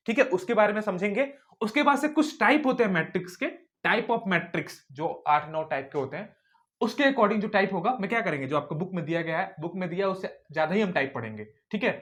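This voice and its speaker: This is a young man teaching maths on video. His pitch moves a lot as he asks and answers his own questions, and he talks straight to the students watching. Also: a bit bright. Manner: repetitive rhetorical questions, addresses students directly. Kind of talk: video lesson.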